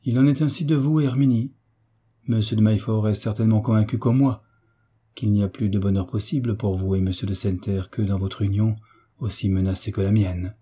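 A man's voice: on the low side, fairly even intonation, brisk, mellow, slightly rough. A man reading the part of a young orphaned heiress who pleads earnestly in a storybook reading. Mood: pleading. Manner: earnest, imploring.

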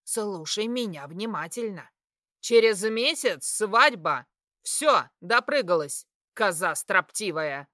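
A woman reading an audiobook, voicing a domineering, cruel mother who shouts scornfully and slowly. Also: medium pitch, sing-song, no room sound, studio quality, exaggerated voice. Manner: shouting, scornful, slow and heavy.

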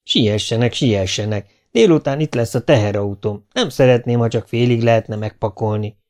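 A man's voice: medium pitch, a little mellow, natural voice. A man voicing a rude, rich animal dealer who gives curt, bossy orders.

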